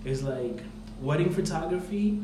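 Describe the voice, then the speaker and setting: A man's voice: on the high side, animated, a little slow. A man hosting a casual podcast, talking informally in rambling, filler-filled explanations, with big reverberant echo around his voice. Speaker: podcast host. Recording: echoey reverberant room, clear background noise.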